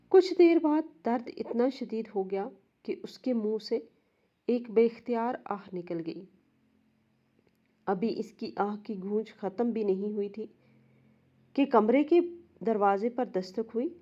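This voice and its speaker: A woman storyteller narrating a dramatic story in a steady, expressive way. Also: fairly high pitch, lo-fi sound.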